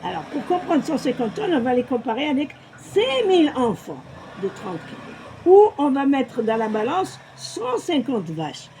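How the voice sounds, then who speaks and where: A woman teaching a child to read, patient, slow and repeating words. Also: high-pitched, very animated, dark tone, slight background noise. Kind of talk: patient reading lesson for a child.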